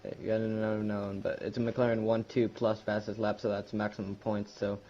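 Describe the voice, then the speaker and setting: Hoarse guy with a low dark voice, muffled lo-fi chat audio, a bit of hiss behind. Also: completely flat delivery, brisk. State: hoarse from yelling. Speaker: racing league driver. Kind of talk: post-race interview.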